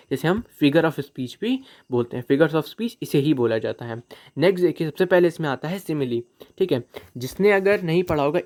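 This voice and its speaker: Indian guy teaching poetry terms in hindi, slightly high voice, reads the english examples real slow. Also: a little mellow. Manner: explains step by step, slows down to read English examples aloud. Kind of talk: classroom lesson, Hindi with English.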